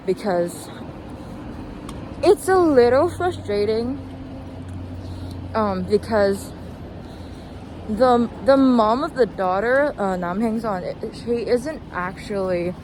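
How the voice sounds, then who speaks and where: Here a young woman with a mid-range voice talks loosely as she walks outside, a vlogger whose informal remarks stall and drift off unfinished. Traffic ambience fills the noisy recording, with street sounds plainly audible.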